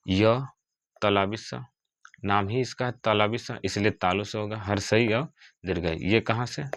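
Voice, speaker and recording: A man's voice: lowish voice, no echo. A man teaching grammar in a lesson, asking questions and answering them himself, often saying "ठीक है".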